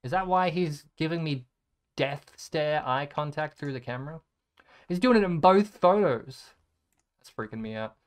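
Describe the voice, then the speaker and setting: A young male content creator tells a rambling, sarcastic story in a casual chat, swearing freely while looking through his photos. His voice is on the high side and expressive, at a normal speed.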